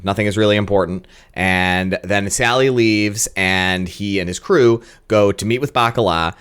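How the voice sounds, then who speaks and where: A man's voice: lowish voice, fairly bright tone, clean tone. A man co-hosting a film podcast, recapping scenes in casual chat with dry exasperation. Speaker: podcast co-host.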